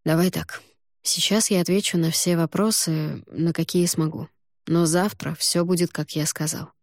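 A guarded young man with a foreign accent, as a woman narrator puts him on, clipped and quiet. He talks low and subdued, in few words, and the recording is dry and close. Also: steady tone, normal speed, no echo, close to an everyday voice. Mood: curt. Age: young adult. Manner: terse, quiet, curt.

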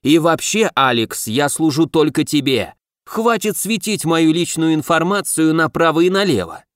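A pompous, sarcastic male sword spirit with a fallen god inside, as a man puts him on for an audiobook. He speaks in a theatrical, haughty grumble that rises higher than a plain voice and swings widely. The recording is close and dry. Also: lively intonation, normal speed, no echo, close to an everyday voice. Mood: indignant. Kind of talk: audiobook character voice.

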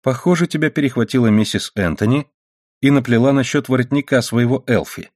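A man's voice: medium pitch, a little fast, darkish tone, no room sound, studio quality, lightly acted. A man voicing a stern, mocking miner's wife who scolds firmly and answers her husband with sarcasm. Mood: sharp scolding. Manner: reproachful, mocking, firm. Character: stern, sharp-tongued miner's wife and mother.

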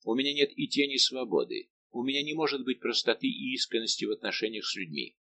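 A man's voice: medium pitch, big pitch swings, fast, pushed and bright, slight background noise. A man voicing a tormented, lovesick young king in an audiobook, pleading and anguished.

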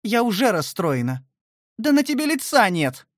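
Casting: male reader as a gentle middle-aged aunt, gasping and scolding, high and lively, dry close sound. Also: moderate pace, dry recording, lightly acted. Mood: alarmed. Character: kind fussing aunt, middle-aged woman, soft-spoken.

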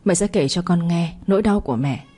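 A woman's voice: lowish voice, brisk, husky. A woman voicing a scheming, cruel middle-aged mother with a conniving way of talking. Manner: coaxing then sharp, conniving.

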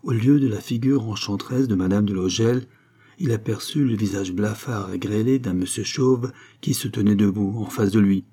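A man narrating a novel as an audiobook, in a measured storytelling manner. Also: fairly low pitch, dark tone, slightly rough. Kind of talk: scripted narration.

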